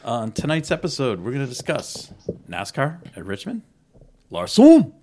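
A man's voice: medium pitch, fairly quick. A man co-hosting a casual motorsport podcast, joking and restarting his sentences. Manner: lively, jokey, restarts a lot. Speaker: podcast co-host.

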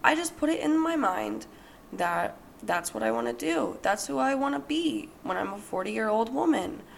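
A young woman in her twenties talks through her solo podcast with a raspy, gravelly voice that is worn down by illness. Her voice sits a little high, and she rambles casually with plenty of fillers. A faint hiss of noise sits under the recording. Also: sing-song, moderate pace. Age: 20s. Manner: chatty, rambling with many fillers. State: sick, hoarse. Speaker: podcast host.

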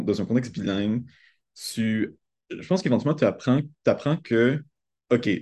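A young man, a podcast guest telling childhood stories in a relaxed way with frequent restarts. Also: fairly low pitch. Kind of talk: casual interview chat.

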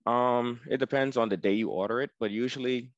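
Low man's voice, laid-back guest, dull dry recording. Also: brisk, dry recording. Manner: easygoing, conversational, says you know often. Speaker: guest, freight delivery business owner. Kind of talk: casual interview.

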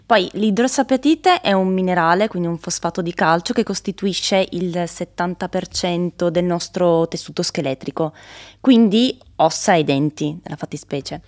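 A woman's voice: lowish voice, normal speed, a little mellow. A young adult woman, a doctoral researcher, giving careful, technical interview answers with small hesitations.

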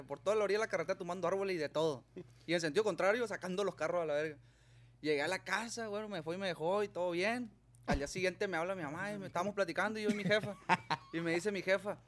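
Slangy young man, high voice. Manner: slangy, fast anecdote telling. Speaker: podcast co-host. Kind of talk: casual chat among friends.

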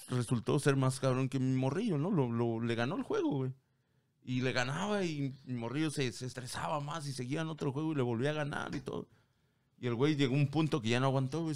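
A man's voice: mid-range voice, a little mellow. A man with a Mexican accent, co-hosting a podcast and telling a rambling, slangy story full of fillers. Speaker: podcast co-host. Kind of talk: casual storytelling.

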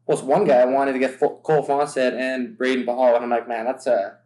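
A man's voice: mid-range voice, level tone, fairly quick, mellow. A man co-hosting a podcast in casual chat, telling stories in a rambling, stop-start way. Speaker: podcast co-host. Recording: echoey room.

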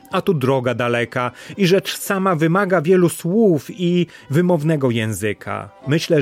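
A man voicing a dignified, taciturn male turtle in a storybook, speaking gravely and deliberately. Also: fairly high pitch, darkish tone. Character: slow, dignified, grumpy old male turtle.

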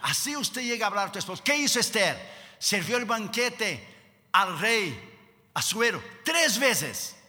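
Man, preacher, sermon, emphatic and repetitive, very bright tone, long hall reverb. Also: sits high, very animated, measured pace.

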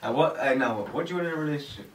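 A man's voice: on the high side, very fast, roomy sound. Blunt young man asking questions. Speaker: podcast co-host. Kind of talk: casual chat. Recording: distant mic, faint noise.

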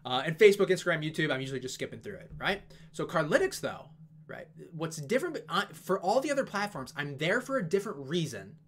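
A man talking fast and casually as he walks through an investment analysis, with plenty of fillers and asides. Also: fairly high pitch, very animated, fairly bright tone. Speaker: investing video host. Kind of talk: casual stock analysis talk.

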